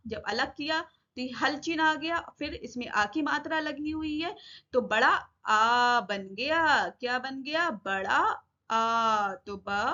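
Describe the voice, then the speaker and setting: Slow, high-voiced woman teaching children. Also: pushed and bright, lo-fi sound. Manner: slow, repeats each point and asks the class questions. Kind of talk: Hindi grammar lesson for children.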